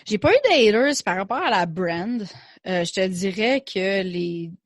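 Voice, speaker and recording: Speaking with lively intonation at a slightly slow pace, this young woman has a medium-pitched voice and a Québécois French accent, with no room sound. As a guest in a casual podcast interview, she's frank and chatty, mixing in English and often starting sentences over.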